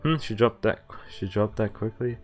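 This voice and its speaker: At a normal speed and with a lowish voice, a man reads visual novel dialogue aloud on his stream. He keeps his reactions casual and jokey, with some swearing, and the game's music sits under his speech.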